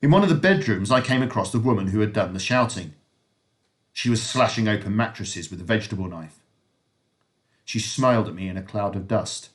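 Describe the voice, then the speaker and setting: A male teacher reading a novel aloud to his class, expressive and lively, with occasional slips. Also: on the low side, a little fast.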